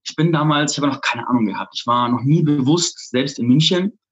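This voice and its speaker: A man, a flirt coach, telling a lively personal story in an interview, laughing often and acting out what people said. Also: medium pitch, fairly quick, breathy edge, muffled recording. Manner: animated, laughs often, acts out quotes.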